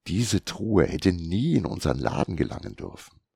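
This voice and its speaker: A man voicing a gruff, shrewd old male bookseller who grumbles and lectures, in an audiobook. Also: low voice, big pitch swings, moderate pace, mellow, no room sound, pitched above the performer's own voice, exaggerated voice. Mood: lecturing. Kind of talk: audiobook character reading.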